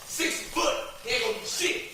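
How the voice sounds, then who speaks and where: A man in his twenties shouting boastful threats. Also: brisk, very echoey, heavy background noise. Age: 20s.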